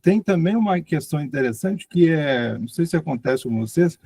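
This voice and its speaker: A man's voice: a little high, animated, fairly quick, gravelly, mellow, slight background noise. A man taking part in an online class who cuts in with a question. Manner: interjects with a question. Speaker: class participant.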